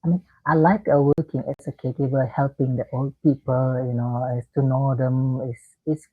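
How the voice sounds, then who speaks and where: Very low-voiced woman on a tinny call line. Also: fairly even intonation, moderate pace, husky. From Indonesia. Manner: hesitant, searching for words. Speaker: guest. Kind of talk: interview answers. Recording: phone-like video call line.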